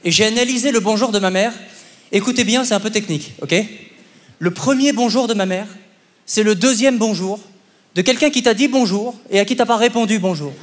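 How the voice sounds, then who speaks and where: Young male stand-up, high voice, big hall. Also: a little fast. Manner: punchy, conversational, often checks in with "ok?". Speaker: stand-up comedian. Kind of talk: stand-up comedy. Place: theatre stage at a comedy festival. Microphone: stage microphone. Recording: long hall reverb, live audience. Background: audience laughter and applause.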